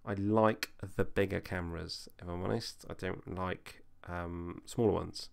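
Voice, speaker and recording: Brief: man, low gravelly voice, laid-back live-stream build tutorial, chatty with viewers. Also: fairly even intonation, unhurried. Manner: chatty, answers viewer questions as he works.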